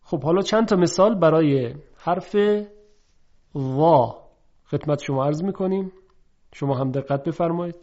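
A man's voice: on the high side, warm tone. Man teaching Arabic letter pronunciation. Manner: slow, drawn-out recitation of example words; fast explanatory talk between examples. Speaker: Quran recitation teacher. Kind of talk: pronunciation lesson. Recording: dull lo-fi recording.

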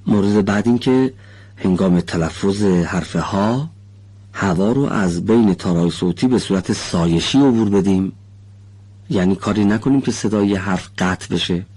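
Deep husky male recitation teacher. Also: a little mellow. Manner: polite, formal, patient explaining; slowly drawn-out demonstration syllables. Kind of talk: televised pronunciation lesson. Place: studio.

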